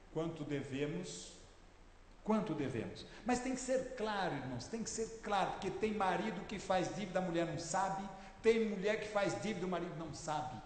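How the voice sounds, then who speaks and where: An older man in his sixties preaches with an emphatic, forceful delivery and a fairly high voice. The sermon rings out through an echoey church hall with a long reverb tail. A faint hum of the room sits behind him. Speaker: pastor.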